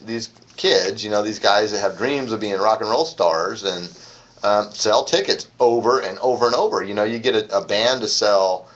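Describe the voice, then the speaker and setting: A man's voice: lowish voice, fairly bright tone. A man hosting a casual live-stream chat show, rambling through long explanations and laughing often. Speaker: show host. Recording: dull lo-fi stream audio.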